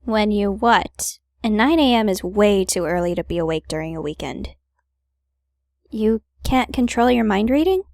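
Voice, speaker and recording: A woman's voice: medium pitch, lively intonation, normal speed, gravelly, a little mellow, dry recording. A woman hosting a gaming video, reading visual novel narration aloud with playful, wry casual asides.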